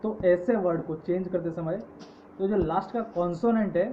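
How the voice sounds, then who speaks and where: A man teaching English grammar in an online lecture, patiently listing word forms. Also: sits high. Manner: slow, patient, repeating word forms in lists. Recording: tinny phone-like audio with faint hiss.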